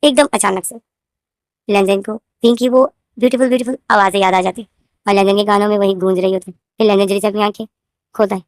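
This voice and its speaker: A fast-talking woman with a mid-range voice and steady tone narrates her own fanfiction story despite a sore throat. She rambles casually to her viewers, calling them "guys" and repeating names and phrases. The clean studio recording has no room sound.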